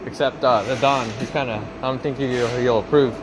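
A man's voice: mid-range voice, steady tone, fairly quick. A young man in casual, teasing vlog chatter, filming his coworkers on a phone in a large warehouse and laughing often. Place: large warehouse floor, indoors. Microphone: handheld phone camera. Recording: noisy warehouse ambience.

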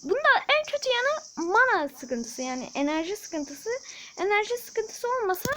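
A woman giving casual gameplay commentary as a channel host, excitable, with frustrated outbursts and shouted sound effects. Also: very high voice, moderate pace, background noise.

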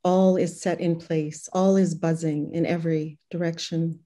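An older woman reads a prose poem calmly and without hurry. Her voice sits low and mellow, and she speaks over a video call from a room at home lined with posters and books. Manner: calm, unhurried prose-poem reading. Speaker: poet reading her work. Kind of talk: poetry reading.

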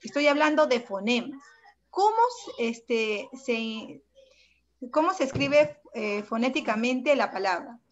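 A woman's voice: fairly high pitch, a little slow. Woman teaching over a dull video call. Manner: patient, affectionate, firm. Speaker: secondary school language teacher. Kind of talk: online class. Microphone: computer mic on a video call.

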